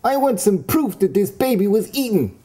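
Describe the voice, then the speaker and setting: A woman's voice: medium pitch, sing-song, moderate pace, mellow, breathy edge. A woman voicing a meek, skeptical sock puppet creature in a comic puppet show, speaking in a hesitant, prim, questioning way.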